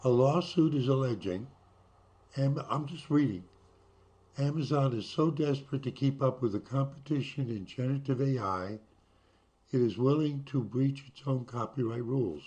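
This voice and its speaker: A man talks in a relaxed, casual way, his voice hoarse from a cold and mellow in tone. He reads out news items and adds wry asides, slowing down over the quoted parts. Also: medium pitch. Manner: chatty, wry asides, slows down to read quotes. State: hoarse from illness. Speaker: vlogger. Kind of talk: casual commentary, reading news aloud.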